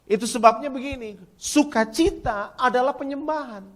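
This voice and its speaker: A male pastor preaching a sermon, talking straight to the congregation and calling for their replies, swinging from near-shouts down to quiet, low passages. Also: normal speed. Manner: emphatic preaching, rising to near-shouts, then dropping quiet; addresses congregation directly, asks for replies.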